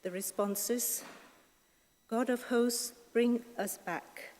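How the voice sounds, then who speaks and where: A woman slowly reading scripture and leading responses at Mass, in a long cathedral echo. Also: a little high, fairly even intonation, darkish tone. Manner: slow, measured reading. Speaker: reader at Mass. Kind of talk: liturgical reading and psalm responses. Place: large church. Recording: echoey church from far off.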